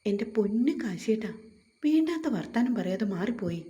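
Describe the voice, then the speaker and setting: A woman's voice: mid-range voice, big pitch swings, brisk, warm tone, highs cut off, lightly acted. A woman voicing a young new mother who playfully scolds her husband. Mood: scolding.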